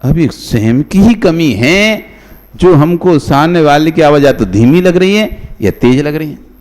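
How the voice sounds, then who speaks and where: A man's voice: on the high side, animated, a little slow, darkish tone, long reverb tail. A man, a monk, giving a conversational sermon, asking his listeners rhetorical questions and calling on them by name. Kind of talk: devotional sermon.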